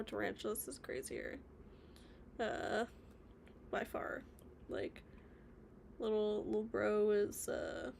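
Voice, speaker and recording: A woman chats casually during a livestream of her stop-motion animation, working on the floor of her home workspace, reading viewers' comments and muttering asides as she rambles. Her medium-pitched voice is creaky, pushed and bright. Slight background noise can be heard.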